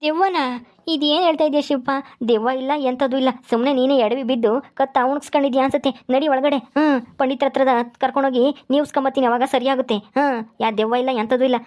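A woman playing a skeptical father-in-law who brushes off talk of ghosts and scolds briskly in a comic skit. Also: high voice, steady tone, darkish tone, close to an everyday voice. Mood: dismissive.

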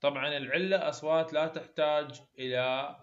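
A man with an Iraqi Arabic accent, a university English teacher explaining phonetics definitions in a lecture, reading the English terms slowly. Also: a little high, fairly even intonation, lo-fi sound.

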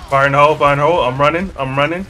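A man streaming a competitive team shooter, trading excited trash talk and quick callouts with his teammates. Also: a little high. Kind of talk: casual gaming chat with teammates.

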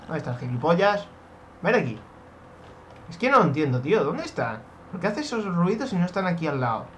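A young man from Spain with a Spanish accent, giving excitable Minecraft let's play commentary, swearing and shouting when startled. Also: high voice, fairly quick, slight background noise. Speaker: gaming youtuber.

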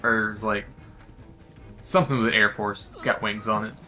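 A man's voice: fairly low pitch, fairly even intonation, normal speed, sharp tone, soft background music. A man making wisecracks and puns while commenting on a video game with a friend. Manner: wisecracking, punning. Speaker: let's-play gamer. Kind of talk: casual gaming commentary.

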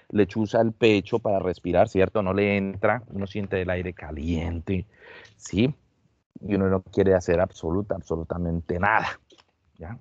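A man's voice: low voice, a little mellow. A man teaching an online medical class, asking his students questions and repeating phrases for emphasis. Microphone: computer mic on a video call. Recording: dull, lo-fi video call audio.

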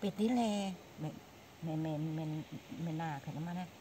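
A woman's voice: low voice, unhurried, warm tone. An elderly woman with a Cao Bang accent and an old woman's voice, chatting and telling stories casually as she is interviewed outdoors. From Cao Bang, northern Vietnam. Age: elderly, 70s or older. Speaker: villager being interviewed. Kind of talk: animated casual storytelling in conversation. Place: outdoors on a village dirt road, squatting by a rock. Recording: faint outdoor ambient noise.

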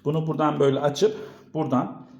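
A man's voice: fairly high pitch, fast talker, gravelly, a little mellow. Man in a very echoey bare room. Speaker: home appliance vlogger. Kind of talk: casual explainer to camera. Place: indoors at home, room without carpets.

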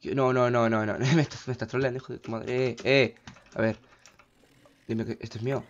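Young-sounding gaming host, chatty and jumpy, plain mid-range voice, muffled home mic. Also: male voice, medium pitch, a little fast. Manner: rambling, excitable, panicky outbursts. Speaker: gaming YouTuber. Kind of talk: casual gameplay commentary.

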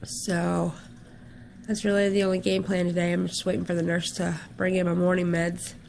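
Congested woman with a gravelly voice. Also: fairly low pitch, monotone, normal speed, a little mellow, a little hiss or hum. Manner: rambling, tired, matter-of-fact. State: stuffed up, congested nose; short of breath, on oxygen. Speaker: patient giving a video update. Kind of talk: casual video diary. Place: hospital room.

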